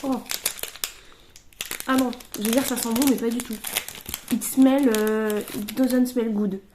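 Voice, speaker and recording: A young woman streaming from a table at home, chatting casually while opening card packs and slipping into halting English. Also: fairly high pitch, steady tone, dark tone, a little hiss or hum. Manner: chatty, thinking aloud, switching into halting English.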